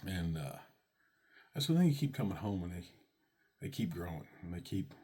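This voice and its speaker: A man telling a personal story about being a father, animated and leaping high on exclamations. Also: normal speed, husky.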